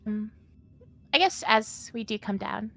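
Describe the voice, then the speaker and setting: A woman's voice: medium pitch, animated, unhurried, vocal fry, a bit bright, soft background music. Woman on a bad connection, cutting out. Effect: bad online connection, voice cutting out. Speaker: player. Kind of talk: casual tabletop game chat.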